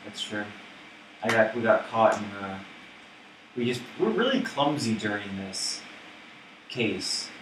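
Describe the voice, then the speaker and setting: A man's voice: on the low side, sing-song, unhurried, long pauses. Guy chatting strategy at a board game, echoey room, far off the mic. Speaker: player. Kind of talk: casual game table chat. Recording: echoey room, distant mic, background noise.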